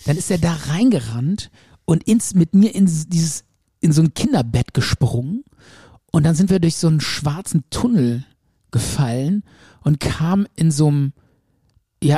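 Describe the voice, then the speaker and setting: A man casually chatting and retelling a long dream, lively and acting out what people in it said. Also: on the high side, normal speed, slightly rough, no echo, clean studio sound. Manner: lively storyteller who acts out quoted speech.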